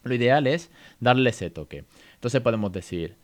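A man with an accent from Spain hosting a casual podcast lesson for parents, chatty and animated, often tagging his sentences with little questions. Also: mid-range voice, moderate pace. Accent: Spain Spanish. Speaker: podcast host teaching English to parents.

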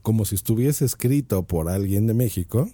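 A man's voice: on the low side, lively intonation, moderate pace, dark tone, husky, no room sound. A Mexican man giving casual podcasting advice, talking into his phone and asking the listener rhetorical questions. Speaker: podcast host.

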